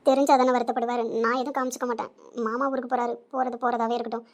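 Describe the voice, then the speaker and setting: A young wife in a village drama, heartbroken and firm, voiced by a woman. She speaks in a fairly high, quick and earnest voice. Her manner stays steady and sure. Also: close to an everyday voice. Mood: sorrowful.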